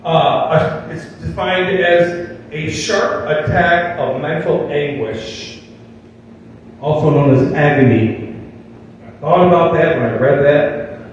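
A man's voice: a little high, takes it slowly, pauses often, muffled recording, a little hiss or hum. An older man preaching a sermon in a folksy way, asking rhetorical questions. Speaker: pastor. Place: church sanctuary. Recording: distant mic in a reverberant hall with faint ambience.

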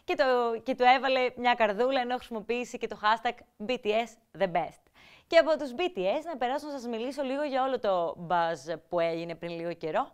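An energetic woman hosts a TV show, reading her script in an upbeat tone. Her voice is fairly high and very clean and smooth, and she mixes English words into her speech. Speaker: TV show host. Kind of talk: scripted TV presenting.

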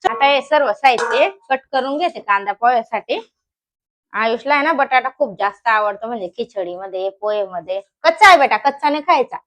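A young woman from Maharashtra talking casually in a home cooking vlog, coaxing and scolding her small children between soft asides to viewers. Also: fairly high pitch, expressive, fairly quick. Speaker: vlogger and mother.

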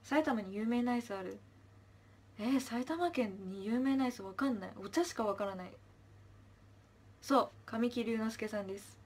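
A young woman, an idol, chatting casually on a livestream, reading viewer comments aloud, chirping thanks and trailing off into soft murmurs. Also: a little high, normal speed, long pauses.

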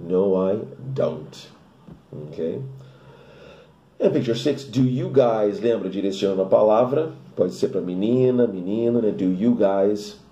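Slow, low-voiced Brazilian teacher. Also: male voice, mellow, roomy sound. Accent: Brazilian Portuguese. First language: Portuguese. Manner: slow, careful model sentences mixed with quick asides. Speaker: English teacher. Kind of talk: English lesson explained in Portuguese.

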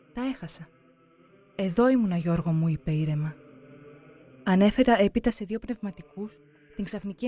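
A narrator giving a solemn, measured scripted reading for a religious documentary. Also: mid-range voice, dark tone.

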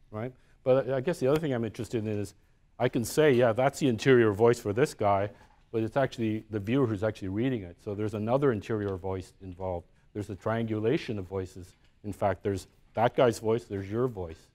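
Man, artist lecturing live, somewhat low voice, conversational, restarts often, university lecture room. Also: dark tone. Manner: conversational, often tags points with "right?"; thinks aloud with frequent restarts. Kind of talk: live lecture on his own artworks.

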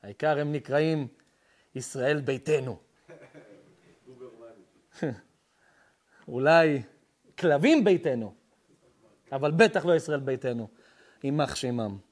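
A man's voice: fairly high pitch, long pauses. A man, a rabbi, giving an emphatic sermon lesson, asking rhetorical questions and answering them himself, with chuckling asides.

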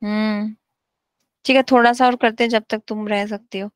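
A woman giving a devotional class, reading slowly in English and explaining quickly in Hindi. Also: medium pitch, fairly even intonation, clean tone, no echo. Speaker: spiritual teacher.

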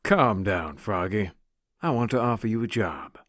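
A laid-back rugged bounty hunter. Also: male voice, on the low side, animated, moderate pace, fairly bright tone, dry recording, studio quality. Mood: easygoing. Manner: casual and easygoing. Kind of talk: full-cast audio drama.

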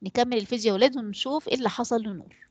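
A woman's voice: on the high side, racing, darkish tone, slightly rough, dull audio. A woman teacher with an Egyptian accent running an online class, quizzing pupils by name and leaving blanks in her sentences for them to fill in. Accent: Egyptian Arabic. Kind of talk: online class quiz and explanation.

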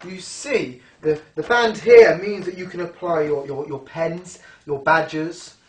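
Self-important young male doctor played by an actor, deadpan comedy interview, formal and halting, very echoey. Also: on the high side, natural voice. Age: young adult. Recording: echoey hard room.

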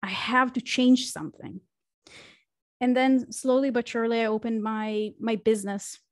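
On a dry recording, a marketing consultant from Israel talks through her career as a podcast guest, reflective and full of fillers and restarts. Her voice is a little high, with fairly even intonation and a moderate pace. It's a casual interview conversation, done on a video call from a small home room using a studio microphone.

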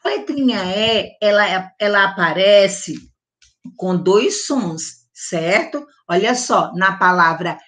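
A woman teacher giving a gentle vowel lesson to young children, drawing out each sound and often checking in with the class. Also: mid-range voice, animated. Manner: slow, drawn-out enunciation with diminutives and check-ins; stresses and stretches the vowel sounds loudly. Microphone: close mic, online class recording.

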